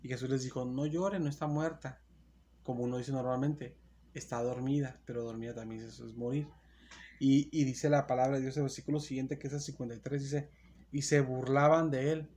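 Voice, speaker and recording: A male preacher gives an earnest sermon at a medium pitch. He reads a verse aloud and then retells it in repetitive, plain phrases, stopping to restart and correct himself. A faint hiss of noise sits behind his voice. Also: steady tone, a little fast, warm tone.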